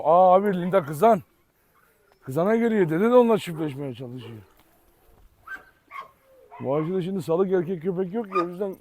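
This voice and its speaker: A man filming his dogs on a farm, chatting casually to viewers and loudly calling and commanding the dogs, with dogs barking behind. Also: fairly high pitch. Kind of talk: casual vlog narration. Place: outdoor farm yard with dogs.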